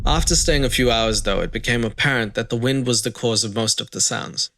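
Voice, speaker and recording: A man's voice: mid-range voice, a little fast, gravelly, sharp tone. A man giving scripted voice-over narration for a travel vlog. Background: music.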